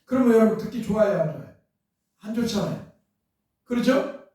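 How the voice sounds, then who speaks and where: Expressive and brisk, with a high but dark tone, the pastor delivers his sermon, asking rhetorical questions before breaking into emphatic outbursts. He's in a church sanctuary, and the far-off mic picks up heavy hall echo.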